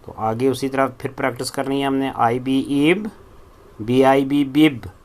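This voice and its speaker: A man's voice: medium pitch, fairly even intonation, moderate pace, darkish tone. A male teacher leading a phonics drill, spelling out each word letter by letter and then saying it.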